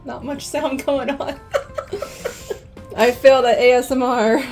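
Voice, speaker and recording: A woman's voice: sits high, steady tone, a little slow, darkish tone, faint music behind. A woman hosting a casual cooking vlog, teasing and giggling a lot. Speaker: vlog host.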